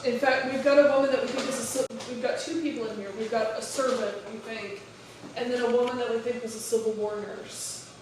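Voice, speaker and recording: A woman's voice: a little high, fairly even intonation, fairly quick. A woman guiding visitors inside an old house, explaining things casually. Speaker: house guide. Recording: very echoey, distant, noisy room.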